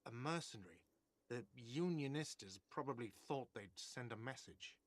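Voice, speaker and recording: A man's voice: medium pitch, animated, normal speed, no echo, natural voice. An actor playing a whiny, irritable male cafeteria manager in a video game, who sounds defensive and exasperated.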